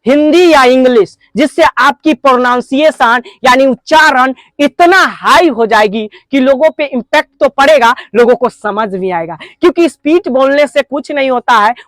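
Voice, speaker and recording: A woman with an Indian accent teaching spoken English, breaking words into slow, stressed syllables. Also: high-pitched, dry recording. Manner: drawn-out, stressed syllable drills. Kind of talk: classroom lesson.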